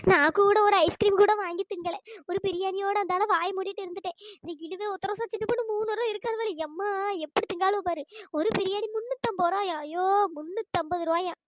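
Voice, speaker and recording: In cartoon storytelling voice acting, a pitch-shifted, squeaky voice plays a village woman who overpaid her hotel bill. She talks fast, wailing and complaining sharply in a lament, though her intonation stays fairly even.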